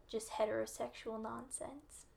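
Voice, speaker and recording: A woman co-hosting a casual podcast. Her voice sits fairly high, and she talks loosely, with frequent laughter and "like" fillers. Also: gravelly. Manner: laughs often, chatty with many "like" fillers. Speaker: podcast co-host. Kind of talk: casual chat.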